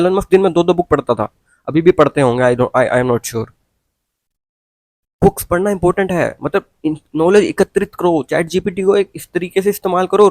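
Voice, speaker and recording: A man's voice: fairly high pitch, darkish tone, no echo. A young man ranting casually to camera, blunt and preachy, mixing in English phrases and slang. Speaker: vlogger. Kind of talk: casual opinion rant.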